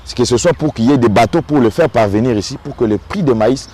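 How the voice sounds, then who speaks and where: A man's voice: medium pitch, animated, darkish tone. Congolese man giving earnest commentary. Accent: Congolese French. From Democratic Republic of the Congo. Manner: earnest, measured, repeats words while searching. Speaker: local notable interviewed. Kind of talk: on-site interview, political commentary.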